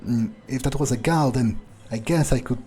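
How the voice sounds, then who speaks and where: A man plays a newly turned vampire in a game, improvising in a lightly acted way as a bewildered, irritable, foul-mouthed character. He mutters halting, incredulous repetitions in a husky, dark-toned, medium-pitched voice, sounding uneasy and bewildered over soft background music.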